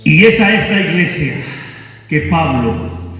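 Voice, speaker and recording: A man with a Honduran accent preaching a sermon, rising into shouts and questioning the congregation. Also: a little high, lively intonation, slow. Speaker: pastor. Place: church hall. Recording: echoey church hall from far off, music behind.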